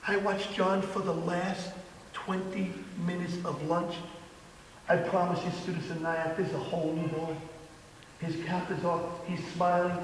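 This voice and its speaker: A man in his fifties telling an earnest story as a motivational speaker at a school assembly, his voice dropping quiet to make a point. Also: high-pitched, a little hiss or hum. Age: 50s. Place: large school hall. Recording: echoey hall recorded from far off.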